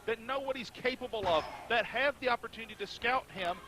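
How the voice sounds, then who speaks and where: High-pitched male wrestling announcer, noisy recording. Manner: measured, articulate, formal phrasing. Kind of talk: live sports commentary. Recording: noisy live event recording.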